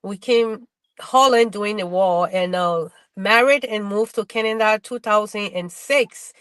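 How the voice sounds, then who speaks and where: A middle-aged woman from Liberia, a bodybuilder guest telling her story in casual webinar talk, halting and restarting her words often. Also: mid-range voice, clean tone, no echo.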